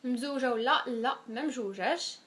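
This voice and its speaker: Her voice is a little high and fairly bright, at a normal speed: a Moroccan-accented vlogger in her twenties chatting casually through viewer questions, with French words slipping into what she says.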